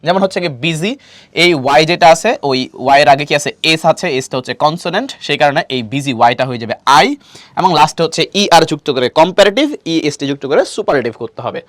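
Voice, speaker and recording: A man's voice: on the high side, lively intonation, a little fast, fairly bright tone, no echo. A male teacher gives an admission-prep lecture, explaining step by step, asking and answering his own questions and leaning on repeated filler phrases. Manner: leans on stock fillers and repetition.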